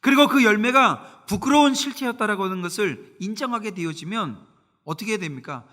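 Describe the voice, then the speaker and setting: Middle-aged pastor guy preaching, bright voice, lots of rising and falling pitch, big echoey church. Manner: emphatic, asks the congregation rhetorical questions. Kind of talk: sermon. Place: church sanctuary. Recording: reverberant church sanctuary.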